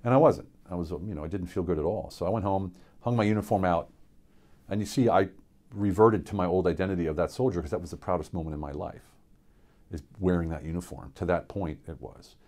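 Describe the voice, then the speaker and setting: A middle-aged military veteran from central Pennsylvania, USA, offers an unscripted personal testimony in an indoor studio with a dark backdrop. His deep, warm voice sounds earnest and reflective, and he often halts, uses fillers, and restarts.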